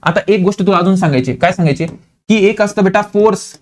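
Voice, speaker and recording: A man's voice: high-pitched, quick pace, darkish tone. A man teaching an exam-prep physics lesson, repeating himself and coaxing students, often voicing their questions himself.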